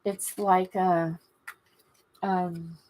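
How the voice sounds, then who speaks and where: A woman chatting casually and haltingly on a livestream, her words slightly impeded by a swollen lip. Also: on the low side, flat delivery, a little mellow, slight background noise, rough recording. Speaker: craft livestream host. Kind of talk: casual rambling livestream chat.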